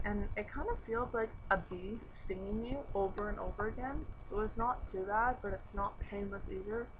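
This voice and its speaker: A young woman chatting casually and candidly to camera, her speech slightly impeded by a dental retainer. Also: medium pitch. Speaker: vlogger. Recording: noisy, dull narrow-band home recording.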